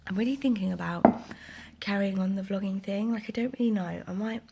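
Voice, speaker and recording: A woman's voice: medium pitch, a little fast, mellow, a little hiss or hum. A young woman in her twenties whispering a casual home vlog with a slight sore throat, rambling with lots of fillers and restarts. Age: 20s. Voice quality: whispering, breathy. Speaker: vlogger. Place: home, indoors. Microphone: close camera.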